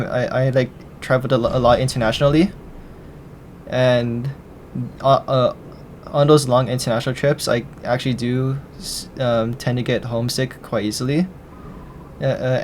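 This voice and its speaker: A film student in his twenties from Hawaii is being interviewed, speaking in a flat, even tone. He answers haltingly and hesitantly, frequently stopping and restarting sentences, while a faint rumble sits in the background.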